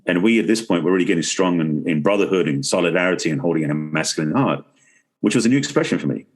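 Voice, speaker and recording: A relationship expert and author appears as a podcast guest, earnestly explaining things in a conversational interview. He has a low-pitched, expressive voice and talks fast.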